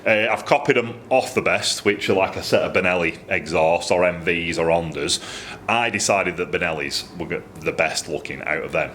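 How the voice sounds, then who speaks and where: Recording in his indoor workshop against a faint background hum, a middle-aged motorcycle exhaust maker chats with real enthusiasm. His fairly low voice is a bit bright and moves at a moderate pace as he rambles and pokes fun at himself.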